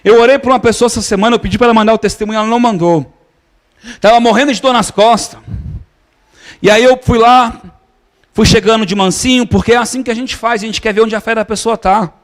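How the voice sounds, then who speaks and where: High-voiced preacher telling a story. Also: male voice, steady tone, fast talker. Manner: storytelling, conversational, addresses listeners as brothers. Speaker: pastor. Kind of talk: sermon.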